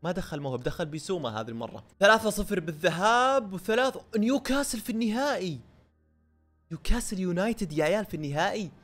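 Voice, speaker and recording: A man with a Gulf Arabic accent giving excited, chatty commentary on a football video game and scolding the players on screen. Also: high voice, fast, soft background music. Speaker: gaming YouTuber.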